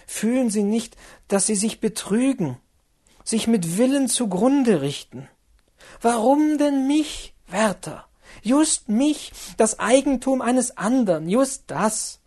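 A man voicing an earnest young woman in an audiobook, pleading and rising to a high, urgent pitch. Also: expressive, slow, dark tone, exaggerated voice. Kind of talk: audiobook character reading.

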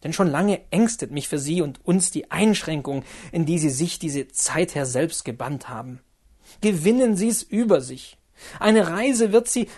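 Guy doing an earnest young woman in a storybook reading, begging, slow, goes way up high. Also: darkish tone. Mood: urging. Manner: imploring, rising to a high urgent pitch. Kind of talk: audiobook character reading.

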